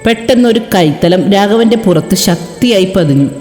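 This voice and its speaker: A woman narrating a dramatic story in an expressive reading style. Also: medium pitch, moderate pace. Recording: echoey reverberant room with music.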